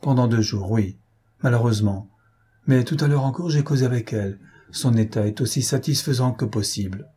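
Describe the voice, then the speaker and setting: A man's voice: medium pitch, brisk, warm tone, breathy edge, lightly acted. A man voicing an anxious, tender elderly aunt and governess, pleading and soothing by turns, in an audiobook. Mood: reassuring.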